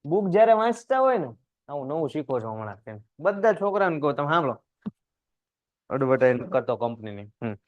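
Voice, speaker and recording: Young man, high voice, online English teacher, animated, loud and soft asides. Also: a little fast, muffled recording. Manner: lively, swings between loud emphasis and low asides, talks to chat. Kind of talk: live online class explaining a poem.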